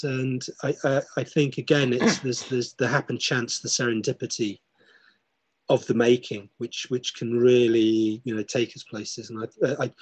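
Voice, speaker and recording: A man's voice: mid-range voice, a little mellow, husky, no echo. A middle-aged man in casual chat, reflective and full of restarts as he tells a story. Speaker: podcast guest.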